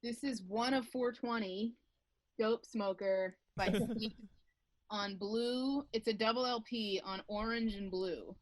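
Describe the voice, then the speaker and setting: A woman's voice: fairly high pitch, fairly even intonation, a little slow, no room sound. A woman guest on a podcast video call, chatting eagerly and swearing casually while showing off her records. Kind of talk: casual chat about vinyl records.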